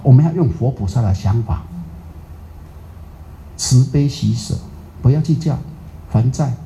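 A man gives a relaxed Buddhist dharma talk with a very dark, mellow voice at an ordinary pitch. He keeps turning to his listeners with little questions and slips English words into his teaching. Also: rough recording. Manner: chatty, keeps asking the audience "right?". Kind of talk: informal dharma talk to a live audience.

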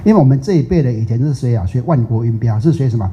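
An older Taiwanese man, a Buddhist teacher, gives a chatty, teasing dharma talk and draws out English words. His medium-pitched voice is expressive and very fast. The recording is muffled and lo-fi.

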